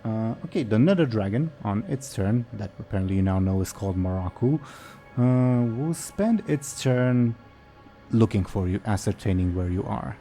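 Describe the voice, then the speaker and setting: A man narrating a tabletop role-playing game as game master, in a casual, halting, improvised way. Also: on the low side, expressive, dark tone, faint music behind.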